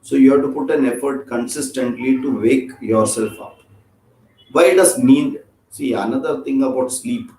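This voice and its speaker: A man's voice: mid-range voice, normal speed, darkish tone, slight background noise. A man with an Indian accent teaching an informal scripture class, chatty and joking, often checking in with his listeners. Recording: roomy echo.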